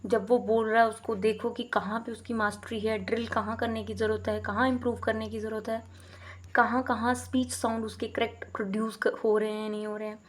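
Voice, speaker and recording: A woman's voice: fairly high pitch, level tone, a little fast. A young woman teacher giving an explanatory lecture, code-switching between Hindi and English and often checking in with the listener. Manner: explanatory, mixes Hindi with English phrases, frequent check-ins.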